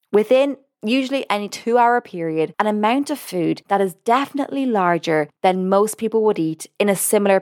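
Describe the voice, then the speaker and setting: A woman hosting a podcast, explaining binge eating in an earnest, measured way as a coach who supports clients. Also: mid-range voice. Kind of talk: podcast monologue.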